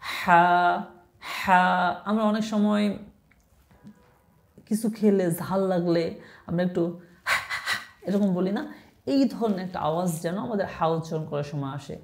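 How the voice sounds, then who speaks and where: A woman teaching Arabic letter pronunciation in an online Quran class, patiently modelling each letter slowly and often checking with the listener. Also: fairly low pitch, gravelly, dark tone. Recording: echoey room.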